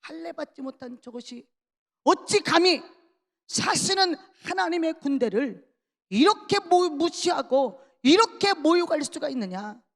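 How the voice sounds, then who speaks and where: A woman's voice: on the high side, sing-song, slow pace, pauses often, exaggerated voice. A woman preacher voicing a fearless young shepherd boy who speaks firmly and defiantly. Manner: defiant, firm. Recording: long reverb of a large hall.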